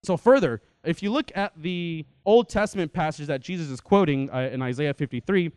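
A young adult man giving a lecture-style talk in a lively, conversational way, often checking in with his listeners. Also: fairly high pitch, brisk, clean tone, no room sound. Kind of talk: lecture to an audience.

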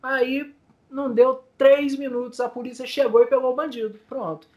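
A man telling a live interview his stories, tearful and choked up, repeating words and filling pauses as his voice breaks. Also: very high voice, level tone, darkish tone. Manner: many fillers, repeats words. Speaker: guest, community news group founder. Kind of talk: emotional storytelling in interview.

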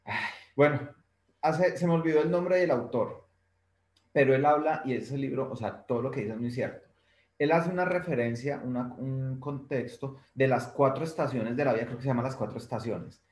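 Guy cohosting a podcast, storyteller type, middle pitch, roomy echo. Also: moderate pace. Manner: storytelling, acts out quoted voices with lively shifts. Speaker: podcast co-host. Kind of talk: casual conversation.

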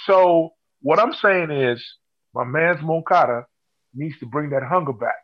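A man's voice: a little high, measured pace, highs cut off. A man in a casual sports chat, making emphatic, profane points.

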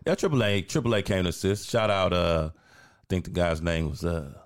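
In casual podcast conversation, this male co-host speaks at a normal pace with a smooth, low-pitched voice. His manner is relaxed and full of slang, and he frequently adds "you know what I mean".

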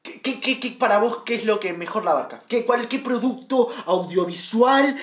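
A woman's voice: fairly high pitch, animated, moderate pace, roomy sound. A young woman with a Rioplatense Spanish accent, co-hosting a casual comedic chat and joking playfully. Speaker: podcast co-host.

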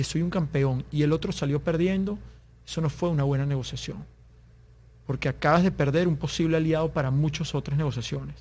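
A man's voice: fairly high pitch, darkish tone. A man speaking as a guest in an interview, giving business advice in an earnest tone and acting out little dialogues to make his points. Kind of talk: conversational interview.

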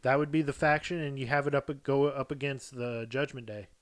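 A man co-hosting a casual wrestling podcast, rambling and jokey, getting loud and animated as he riffs. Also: medium pitch, a little fast. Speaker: podcast co-host.

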